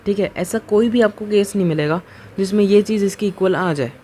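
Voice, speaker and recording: A man's voice: sits high, dark tone. A man teaching maths, explaining a proof step by step. He keeps asking rhetorical questions and checking that students follow. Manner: patient and step-by-step, slowing on key terms. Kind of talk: board lecture explaining a proof.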